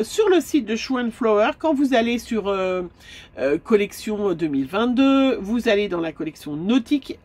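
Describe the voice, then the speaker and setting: Chatty woman with a stuffy nose. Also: a little high. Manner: chatty, many fillers and asides. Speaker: craft vlogger. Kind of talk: casual haul chat. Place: inside a camper van.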